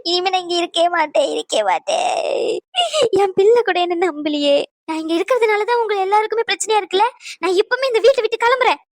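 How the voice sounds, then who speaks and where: A woman's voice: very high-pitched, quick pace, dry recording. A woman voicing a scheming elderly grandmother in a cartoon, wheedling and playing the victim, recorded dry. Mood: wailing. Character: scheming elderly grandmother, crafty and self-pitying. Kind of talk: cartoon voice acting.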